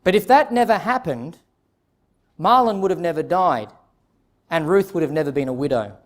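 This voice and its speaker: High-voiced earnest preaching man. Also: expressive, moderate pace. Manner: earnest, emphatic preaching with direct questions to listeners. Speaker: pastor. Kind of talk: expository sermon.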